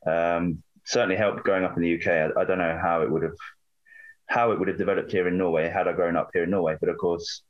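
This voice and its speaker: A southern English man in his late thirties speaks in a very deep voice. He wanders off on tangents, restarts himself often and talks things through aloud. His voice comes over a dull, lo-fi remote line. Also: fairly even intonation, quick pace. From England. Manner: rambling, self-correcting, digressive. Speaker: author and guest. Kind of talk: remote interview chat.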